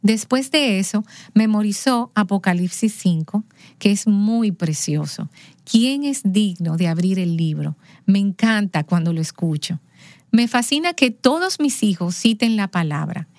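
A woman guest in a conversation, recounting a family story with lively expression and playing out the dialogue. Her voice sits in a middle register and sounds dry and close, with no room around it. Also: mid-range voice, unhurried, no echo. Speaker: interview guest.

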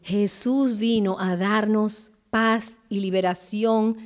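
A woman giving an earnest devotional Bible teaching, slowing down with emphatic pauses. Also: mid-range voice, fairly even intonation.

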